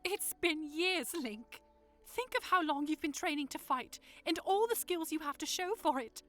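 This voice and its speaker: A woman's voice: high voice, expressive, normal speed, a bit bright, faint music behind. A woman playing an anxious young princess in an audio drama, self-doubting yet earnest and emotional. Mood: vulnerable.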